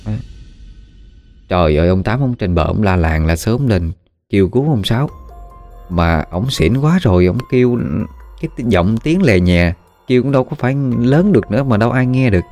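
Man, Southern Vietnamese accent, casual storytelling, relaxed low mellow voice, drifting filler sounds. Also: moderate pace, soft background music. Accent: Southern Vietnamese, Mekong Delta. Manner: folksy, rambling, with frequent "à" fillers.

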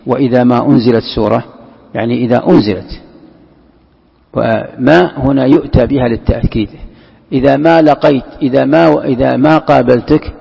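A man with a gravelly, husky voice gives a patient religious lesson, repeating each key term and restarting words as he explains. The sound is muffled and lo-fi, and a long hall echo trails each phrase. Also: medium pitch. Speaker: sheikh teaching Quran commentary. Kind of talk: classroom lesson explaining a text.

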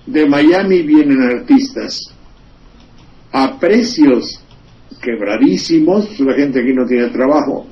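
A man's voice: medium pitch, expressive, slow, slight background noise. A Mexican man at a studio microphone wanders through sardonic political commentary, full of asides and wordplay. His voice sits in a middling register. The radio recording sounds slightly dull and lo-fi. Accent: Mexican Spanish.

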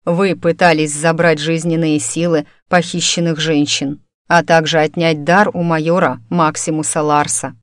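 A woman's voice: deep voice, flat delivery, no echo, clean studio sound, lightly acted. A woman voicing a lazy, confident mentalist. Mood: cool. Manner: languid, unhurried drawl. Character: lazy, self-assured male mentalist investigator.

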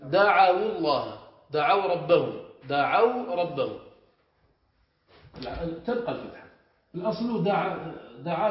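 Give me a man with a slightly high voice teaching a grammar class, explaining and checking whether the students follow, in a very echoey room. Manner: explanatory, checks understanding with repeated questions. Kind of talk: classroom lesson on verb morphology. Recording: echoey, dull lo-fi classroom recording with faint hiss.

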